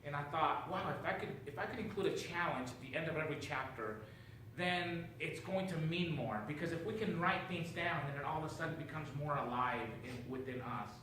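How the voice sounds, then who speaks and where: A man's voice: on the high side, a little fast, pushed and bright. A middle-aged man from Chile, a guest author answering interview questions in an upbeat, earnest way, often restarting phrases. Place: studio with audience. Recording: very echoey, distant mic, noisy.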